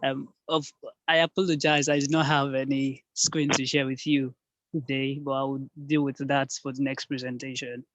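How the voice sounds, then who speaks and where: A man's voice: mid-range voice, level tone, moderate pace, a bit bright, no echo, highs cut off. A man giving a hesitant presentation on a video call. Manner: hesitant, many ums. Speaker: mentee presenter. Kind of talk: online meeting presentation.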